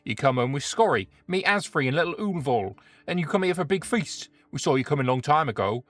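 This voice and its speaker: A man's voice: fairly high pitch, animated, brisk, a bit bright, dry recording, voice pushed up. A man voicing a huge, rotund, genial male troll who roars his friendly invitations in broken, simple grammar. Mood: jovial.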